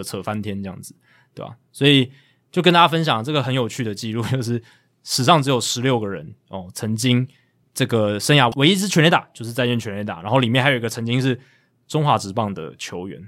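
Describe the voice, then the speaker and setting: A man's voice: medium pitch, expressive, quick pace, a bit bright. A man with a Taiwanese Mandarin accent, hosting a casual sports chat and reading out statistics with asides. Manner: reads out stats, explains, with asides. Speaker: podcast host.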